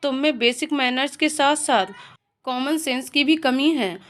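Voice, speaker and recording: A woman's voice: sits high, fairly even intonation, a little slow, a bit bright. A woman voicing a stubborn, irritable young husband who answers in a curt, scolding way. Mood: irritated.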